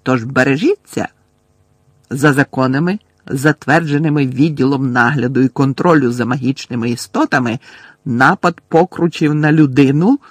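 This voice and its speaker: A man's voice: mid-range voice, normal speed, slightly rough, no room sound, natural voice. A man voicing a frightened, officious witch official who lectures pompously about laws, in an audiobook. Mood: pompous, indignant.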